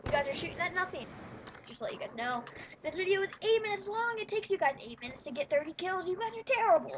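A woman giving casual, rambling play-by-play commentary on a match, with quick sarcastic asides. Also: high-pitched, background noise. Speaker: gameplay commentator.

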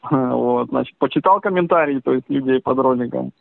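A man's voice: mid-range voice, a little fast, vocal fry, dry recording. A man from Russia on a casual phone call, agreeable and rambling, with many hedging filler phrases. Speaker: caller. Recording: tinny, dry phone line.

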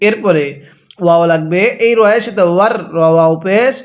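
A man teaching Quran reading, spelling out each letter and then drawling whole phrases slowly for learners to repeat. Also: high voice. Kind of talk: step-by-step recitation lesson.

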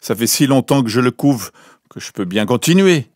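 A man voices a protective mother duck in a storybook, lightly acting and pitching above his own natural voice. He sounds medium-pitched, patient, and a little mellow, with lively intonation at a normal speed. The recording is studio quality, with no room sound.

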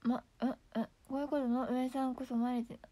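Young woman, giggly streamer, slightly high voice, casual chat. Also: little pitch movement, fairly quick, dark tone. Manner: giggly, chatty, reads comments. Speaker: idol streamer.

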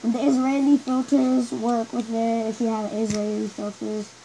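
A woman reviewing gear while speaking through a gas mask, halting and unsure as she tries to talk louder. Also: on the high side, little pitch movement, slight background noise, rough recording. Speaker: product reviewer. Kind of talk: casual product review.

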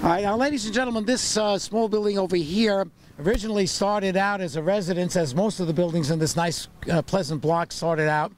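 A man's voice: sits high, a little fast, hardly any pauses. An older man leading an outdoor walking tour, rambling with many fillers and wry puns. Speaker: tour guide and borough historian. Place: city sidewalk outdoors in winter. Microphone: handheld microphone. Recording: street noise, far camera mic.

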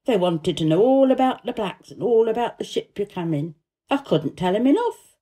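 During a storybook reading, a woman voices a cheerful, warm-hearted young housemaid who gossips eagerly in broad Yorkshire dialect. She sounds delighted, with a mid-range, sing-song, slightly rough voice at normal speed.

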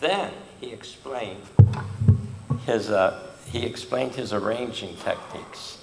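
An older man giving a storytelling lecture, telling his stories earnestly with emphatic pauses. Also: on the low side, creaky, soft background music. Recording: echoey hall.

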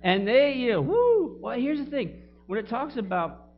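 A pastor preaching a sermon in a church, animated and acting out the voices he quotes, with loud whoops. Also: extremely high pitch, moderate pace, highs cut off. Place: church sanctuary.

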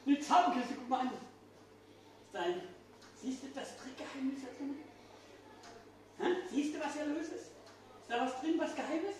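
A man's voice: very high-pitched, measured pace, pauses often, darkish tone. An older man performing as a children's party magician, playfully firing questions and exclamations at the children in show patter. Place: indoors, small restaurant-like room. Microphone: distant phone camera in the audience. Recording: echoey room, far from mic, faint noise.

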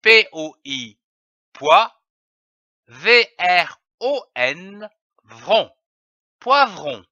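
A man teaching children to read, spelling out letters and sounding each syllable slowly and repeating it. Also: high-pitched, very animated, sharp tone, no echo. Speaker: reading teacher. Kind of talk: slow syllable-by-syllable reading lesson. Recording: dull, dry lo-fi recording.

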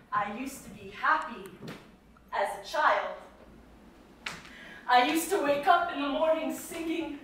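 Brief: woman playing wistful, unraveling young actress; slow, slightly high, distant in a reverberant theater. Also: slight background noise. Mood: sorrowful. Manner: dreamy, wandering, drifting between hush and outburst. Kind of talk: stage play performance. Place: theater stage. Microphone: distant room mic. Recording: echoey theater taped from far off.

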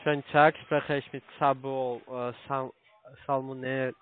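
A call centre account operator, not a native German speaker, makes a phone sales pitch in German with a foreign accent, sounding formal and insistent. His mid-range voice is unhurried with little pitch movement, and music plays in the background of a dull, noisy phone line with clicks.

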